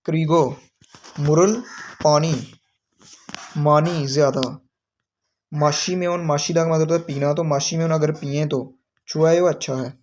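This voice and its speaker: A man's voice: fairly high pitch, level tone, darkish tone, a little hiss or hum. A man teaching from a textbook, reading each word aloud and then explaining what it means. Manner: repeats words slowly, explains each term. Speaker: Korean language teacher.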